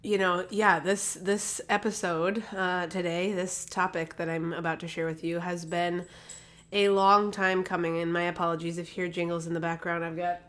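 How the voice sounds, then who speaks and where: A woman with a lowish, level voice speaks at a normal pace with a fairly bright tone. She's a holistic health practitioner hosting her own solo podcast, chatting casually and rambling with lots of fillers and restarts. She sounds slightly nasal as she recovers from a cold, recorded on a podcast microphone.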